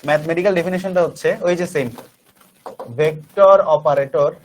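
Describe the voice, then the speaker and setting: High-voiced man drilling a lecture. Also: a little fast, a little hiss or hum. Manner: repeats definitions and quizzes students with questions; talks to students directly and warmly checks understanding. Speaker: physics teacher. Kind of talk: online class lecture.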